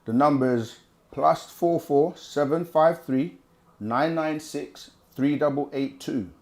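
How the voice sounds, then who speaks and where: The voice is fairly high and darkish, and he takes his time. This man hosts a live Q&A stream, reading viewers' chat questions aloud and answering them at length in a casual, conversational style that repeats itself.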